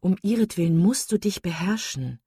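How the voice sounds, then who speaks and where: A woman reading an audiobook and voicing a composed young woman who speaks earnestly and gently firm. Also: lowish voice, animated, normal speed, slightly rough, dry recording, studio quality, heavily acted.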